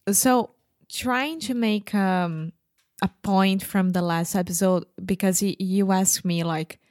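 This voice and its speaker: Casting: Brazilian female podcast co-host, Portuguese native, careful halting English, unhurried, close dry sound. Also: mid-range voice, steady tone, darkish tone, no echo. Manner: careful, halting English with restarts and searching for words. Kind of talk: casual podcast chat.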